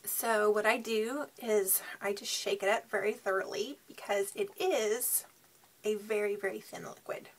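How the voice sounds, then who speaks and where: Tired, husky woman with creaky voice. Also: medium pitch, fairly even intonation, measured pace. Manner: tired, sleep-deprived delivery. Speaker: beauty reviewer. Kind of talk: casual product demo chat.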